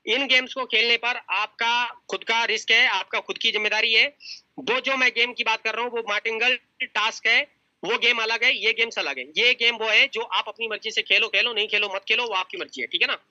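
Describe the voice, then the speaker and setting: A man's voice: very high voice, fairly even intonation, fairly quick, sharp tone, dry recording, dull audio. A man presenting an investment plan in a screen-share review, persuasive and salesy, often calling his viewers sir and friends.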